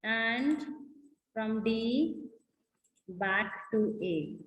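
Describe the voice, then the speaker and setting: A woman's voice: on the high side, animated, drawn-out words, a little hiss or hum. A woman with a North Indian accent teaching a school lesson, mixing English and Hindi, repeating key points and checking that students follow. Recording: echoey, reverberant room sound.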